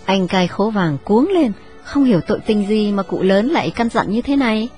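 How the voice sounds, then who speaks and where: Một người phụ nữ kể truyện đọc, giọng đều đặn, giọng miền Trung. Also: female voice, mid-range voice, animated, moderate pace, darkish tone, soft background music. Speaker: narrator. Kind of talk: audiobook narration.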